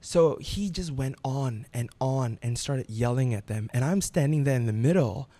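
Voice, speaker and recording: A young man in his late twenties, a podcast guest, tells a personal story candidly, often restarting his sentences. His voice sits a little high with a gravelly edge. The sound is dry and close. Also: moderate pace, dark tone, no echo. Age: 20s. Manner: candid, repeats words and restarts when moved.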